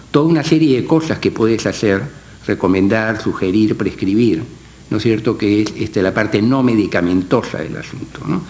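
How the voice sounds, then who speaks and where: A man's voice: on the low side, darkish tone, a little hiss or hum. A man speaking as a panelist at an academic conference, explaining his point with tag questions and fillers.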